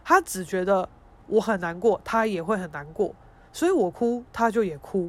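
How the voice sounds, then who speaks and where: A young woman hosts a podcast. She tells stories in a frank, expressive, emotional way and swears casually. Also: medium pitch, moderate pace. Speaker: podcast host. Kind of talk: casual storytelling monologue.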